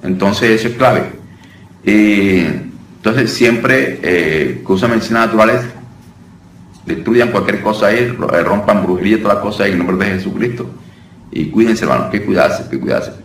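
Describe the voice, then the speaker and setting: A man's voice: lowish voice, moderate pace. A man giving an informal preaching lesson on deliverance, talking conversationally, often calling his listeners brother and restarting his phrases. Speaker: deliverance minister teaching. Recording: roomy sound from a distant mic with faint noise.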